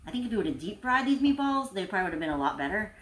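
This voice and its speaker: A woman's voice: medium pitch, sing-song, fast talker, a bit bright. A woman food vlogger talking casually through what she is cooking. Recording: faint kitchen noise, frying sizzle.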